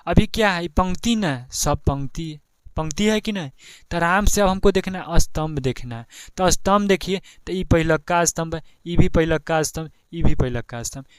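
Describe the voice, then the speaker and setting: A young man with a Bihari Hindi accent teaches a maths lesson in a chatty, repetitive way, checking in with the class again and again. His voice sits a little high and sounds smooth and clear. It is recorded close and dry, with no room sound. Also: moderate pace, no echo. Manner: chatty, repeats steps, keeps asking "ठीक है ना". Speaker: math teacher. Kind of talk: board exam tutorial.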